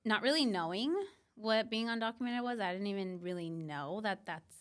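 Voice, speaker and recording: Speaking at a moderate pace, the podcast guest, a young business founder from Mexico, talks through her life reflectively and casually, using lots of fillers. Her voice is mid-range with a fairly bright tone.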